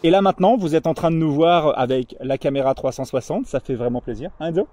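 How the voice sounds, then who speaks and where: A man's voice: on the high side, quick pace, a little hiss or hum. A man giving a casual, chatty camera demo straight to his viewers, full of slang. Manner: lively, chatty, addresses viewers directly with slang. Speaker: motorcycle vlogger reviewing a camera. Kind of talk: casual product demo vlog.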